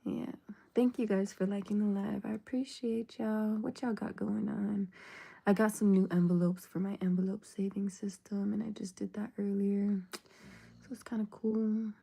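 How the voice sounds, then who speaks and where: A woman's voice: medium pitch, little pitch movement, moderate pace, creaky, warm tone, slightly rough. A woman chatting casually on a livestream, laid-back and rambling, often dropping into a half-whisper. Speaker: livestream host.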